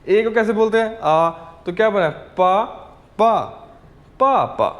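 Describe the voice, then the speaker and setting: High-voiced man drilling words slowly. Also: a bit bright. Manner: patient, drills words over and over. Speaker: language teacher. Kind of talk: slow repetitive language lesson.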